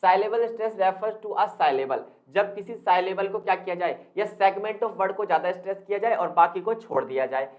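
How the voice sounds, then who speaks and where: A man's voice: high voice, animated, moderate pace, few pauses, darkish tone. A man tutoring for an exam in an explanatory lecture, who keeps asking the viewers questions, answers them himself and mixes in English terms. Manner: addresses the viewers as friends.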